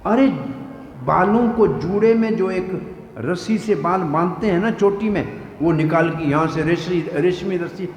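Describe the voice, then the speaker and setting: Here the preacher's voice is high-pitched and unhurried. He again delivers a devotional discourse on scripture, bringing the story to life by acting out scenes and unpacking the verses, recorded in an echoey hall with faint noise.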